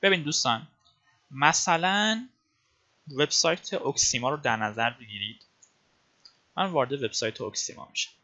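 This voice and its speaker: A man's voice: medium pitch, expressive, long pauses, pushed and bright, highs cut off. A man teaching web design in a screencast, explaining step by step with frequent filler sounds and calling his viewers friends. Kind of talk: screencast coding tutorial.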